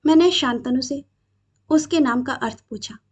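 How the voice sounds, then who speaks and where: A woman narrating a short story aloud in a calm, measured reading voice. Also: high voice, husky.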